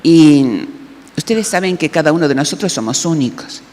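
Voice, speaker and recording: A woman's voice: low voice, lively intonation, normal speed, a little mellow. A woman giving a sermon-style health talk to a church congregation, often asking the audience rhetorical questions. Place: church hall. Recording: long church-hall reverb.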